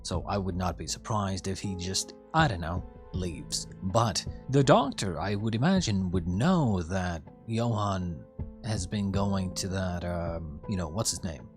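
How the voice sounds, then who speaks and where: A man giving casual reaction commentary as a streamer, thinking aloud haltingly, repeating himself and swearing casually. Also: sits low, lively intonation, soft background music. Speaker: streamer reacting to an anime episode.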